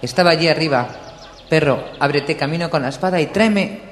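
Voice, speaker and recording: A man voicing a spoiled, cruel boy king who shrieks loud commands. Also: fairly high pitch, a little fast, voice pushed up, lightly acted. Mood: furious shrieking. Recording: echoey room with long reverb, faint hiss.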